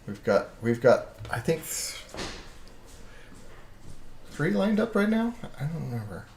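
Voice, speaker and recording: A man's voice: fairly high pitch, big pitch swings, unhurried, a little mellow, reverberant, a little hiss or hum. A man chatting casually on his live art stream, rambling and often breaking off mid-sentence with chuckles.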